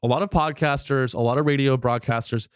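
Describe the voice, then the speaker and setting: Swearing freely and losing his voice, this podcast host rambles through an irreverent comedic monologue, his pitch leaping up without warning. His tone is steady and clean and his pace a little fast. It's a clean studio recording with no room sound.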